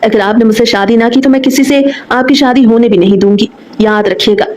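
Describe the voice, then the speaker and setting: A jealous young rival from a romance storybook, pleading and demanding by turns, read by a woman narrator. Her voice runs fairly high. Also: brisk, darkish tone, slight background noise, lightly acted, rough recording. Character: jealous young woman office worker, pleading then threatening.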